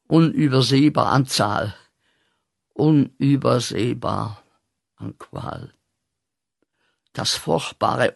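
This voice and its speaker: A man acting a guilt-ridden corporal back from the war, in a radio play, speaking with slow, intense, declaiming rhythm. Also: medium pitch, gravelly, no room sound, clean studio sound. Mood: haunted.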